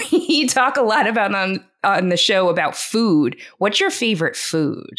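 A woman's voice: mid-range voice, lively intonation, measured pace, fairly bright tone. A woman co-hosting a casual podcast, upbeat and asking her partner questions. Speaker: co-host.

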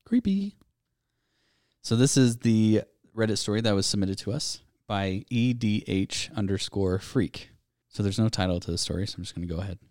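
Recorded at studio quality with no echo, a man with a lowish voice co-hosts a podcast at a fairly quick clip. He reads listener ghost stories steadily, as a storyteller would, and chats casually.

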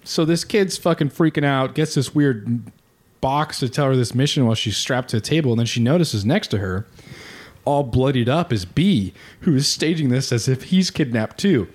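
Man, podcast host, lively swinging pitch, casual storytelling, swears a lot. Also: normal speed. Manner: animated storytelling with swearing and laughs. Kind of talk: casual true-crime chat.

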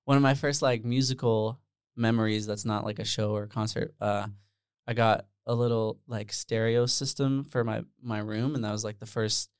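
A Netherlands-born man talks in a loose, easygoing way, full of ums and trailing tangents. His voice sits low and sounds smooth and clear. The recording is close and dry. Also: moderate pace, no echo. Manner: relaxed, rambling with many fillers. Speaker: podcast guest, musician. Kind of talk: casual interview chat.

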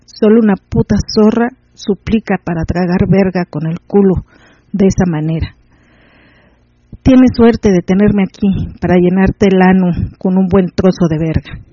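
Domineering mocking man, read by the narrator, low and quiet, dry muffled recording. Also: normal speed, slightly rough, dry recording, close to an everyday voice. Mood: taunting.

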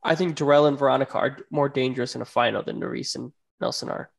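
A man's voice: medium pitch, fairly even intonation, quick pace, gravelly. A young man co-hosting a casual podcast chat, easygoing and agreeable, often hedging his opinions. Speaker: podcast co-host.

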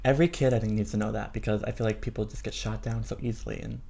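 A man's voice: fairly low pitch, steady tone, very fast, gravelly, warm tone. Male host, casual dinner-chat energy, upbeat, lots of fillers. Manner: upbeat, filler-heavy with frequent "like".

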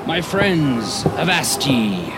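An actor playing a hammy, chatty pirate-tour boat captain, with florid patter that drops into awkward casual asides in an audio drama. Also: male voice, fairly high pitch, lively intonation, drawn-out words, heavy background noise. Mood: showy, salesman-like.

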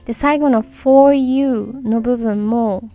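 Unhurried woman teaching English sounds. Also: a little high, dark tone, soft background music. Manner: repeats English phrases slowly, then at normal speed. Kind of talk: podcast lesson on English linking.

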